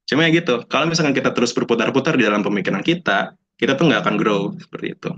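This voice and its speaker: A man's voice: mid-range voice, rapid-fire, fairly bright tone, slight background noise. A young man speaks in a mid-range voice, talking casually to a room of students. He keeps it chatty, slips into English phrases and acts out the people he quotes. The recording sounds dull and lo-fi. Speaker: alumnus speaker.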